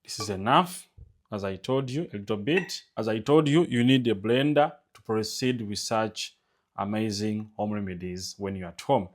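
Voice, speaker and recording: A man's voice: on the low side, expressive, moderate pace. A man from Uganda with a Ugandan English accent, giving a casual home-remedy tutorial. He talks emphatically and repeats his calls to subscribe, his voice rising on key words. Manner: repetitive, urging viewers to subscribe. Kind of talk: casual instructional vlog.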